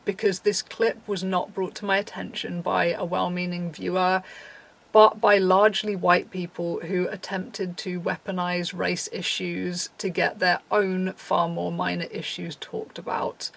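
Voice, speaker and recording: A man's voice: high voice, vocal fry, fairly bright tone. A young man earnestly addressing his viewers in a serious apology video. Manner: earnest, reads from a prepared script. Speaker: channel host.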